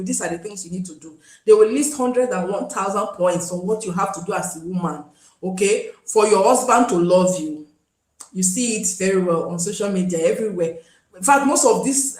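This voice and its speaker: A woman's voice: mid-range voice, reverberant, poor audio. Chatty Nigerian woman hosting a live stream. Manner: pleading, chatty, switches into pidgin. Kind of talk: casual live stream talk.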